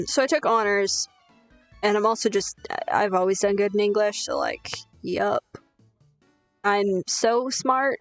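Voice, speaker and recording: Young woman gaming and venting, sweary and self-mocking, slightly high voice, faint game music behind. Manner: rambling, sweary, self-deprecating. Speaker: gaming streamer. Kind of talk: casual storytelling while gaming.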